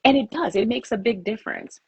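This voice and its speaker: A woman's voice: on the high side, a little fast. A woman publicist answering interview questions, emphatic and repeating her key points.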